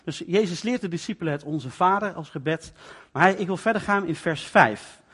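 High-voiced male preacher in a reverberant hall. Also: moderate pace, fairly bright tone, slightly rough. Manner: conversational, explanatory, acts out the story. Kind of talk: sermon. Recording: long reverb of a large hall.

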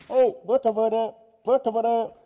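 A man's voice: sits high, expressive, moderate pace, big-room sound. A man playing a frantic midnight door-pounder. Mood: urgent. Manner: shouting, urgent calls to wake up.

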